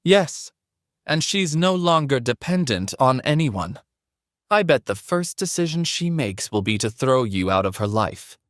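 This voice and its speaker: A man voicing a cold, shrill, sarcastic wealthy mother-in-law in an audio drama. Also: big pitch swings, a little slow, dry recording, clean studio sound. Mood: cold sneering. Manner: sarcastic, sneering.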